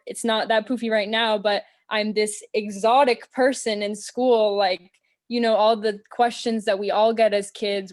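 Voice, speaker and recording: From a small room in her home, a young American woman joins a video call as an interview guest and chats casually. Her mid-range voice sounds relaxed, earnest and thoughtful, and she fills her speech with plenty of "um" and "like."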